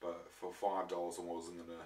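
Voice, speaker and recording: In a casual chat to camera about his disc collection, a young vlogger with a throat infection sounds croaky. His deep voice is monotone and a little fast, and he rambles with lots of ums and restarts. The mic sits far off, so the audio is roomy with faint noise.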